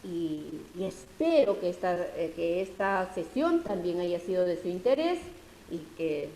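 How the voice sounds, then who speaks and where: A woman's voice: on the low side, big pitch swings, measured pace, dark tone, reverberant, slight background noise, rough recording. A woman teacher with a Peruvian Spanish accent, lecturing her class over a video call and explaining step by step with many tag questions.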